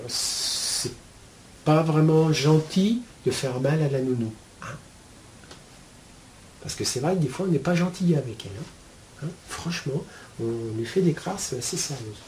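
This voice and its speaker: Chatty man with a lively, mellow voice. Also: mid-range voice, slight background noise. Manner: colloquial, full of "hein" and "euh" fillers; chatty, explains with homely metaphors. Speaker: spiritual teacher. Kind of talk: casual spoken teaching to viewers.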